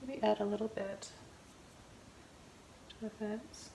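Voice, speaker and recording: A woman giving a casual step-by-step painting tutorial as a gentle, easygoing instructor. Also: mid-range voice, steady tone, slow pace, gravelly. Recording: roomy echo, faint background noise.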